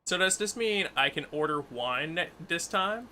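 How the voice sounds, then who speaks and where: A man's voice: fairly high pitch, expressive, moderate pace, sharp tone. A man livestreaming a video game, chatting casually and reacting aloud in informal, slangy talk. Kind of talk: casual chatty stream commentary. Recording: faint game music behind.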